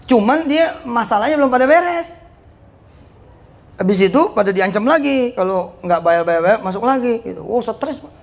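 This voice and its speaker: A man giving a joking, animated motivational sermon in casual slang. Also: high-pitched. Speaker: preacher.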